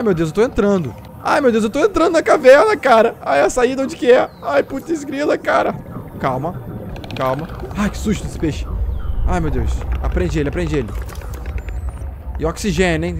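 A man with a Brazilian Portuguese accent giving excited, jumpy gameplay commentary, exclaiming and yelping when scared. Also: a little high, noisy background. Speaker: gameplay streamer.

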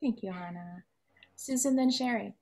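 A woman hosting a networking video call, briskly calling on speakers and correcting herself as she goes. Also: mid-range voice, a little mellow. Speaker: networking meeting host. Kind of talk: moderating a video call meeting.

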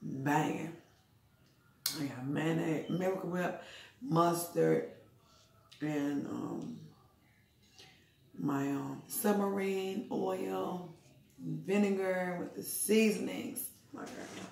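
A middle-aged American woman chatting casually to viewers in an eating vlog, chewing while she talks and pausing between bites. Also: fairly low pitch, fairly even intonation, creaky, darkish tone. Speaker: mukbang host. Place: small indoor room, seated at a table. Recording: echoey room, noisy, mouth clicks.

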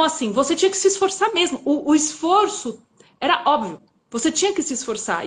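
A woman with a high voice hosts a casual chat. She explains her points in an animated, teacherly way, keeping the conversation moving. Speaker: host, language teacher.

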